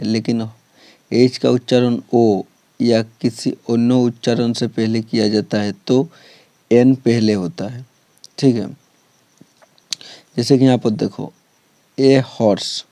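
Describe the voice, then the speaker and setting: A man's voice: mid-range voice, vocal fry, dark tone, dry recording. A man teaching English grammar, explaining step by step, repeating points and often checking whether students have understood. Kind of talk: classroom explanation.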